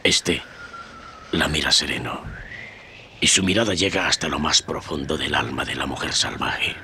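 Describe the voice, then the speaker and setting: A man's voice: rumbling low, normal speed, sharp tone, slight background noise, full character voice. A man narrating an adventure radio serial as a grave, suspenseful storyteller. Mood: tense.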